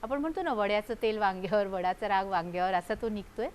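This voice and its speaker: An older woman, a psychiatrist guest, explaining calmly and using proverbs. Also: mid-range voice, fast, slight background noise. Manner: calm, explanatory, uses proverbs. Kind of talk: explanatory studio talk.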